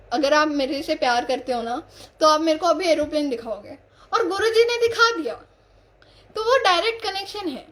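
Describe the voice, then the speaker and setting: High-voiced young woman giving earnest devotional talk. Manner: earnest, repetitive, conversational preaching with restarts. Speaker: satsang speaker. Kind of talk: devotional talk on a live stream.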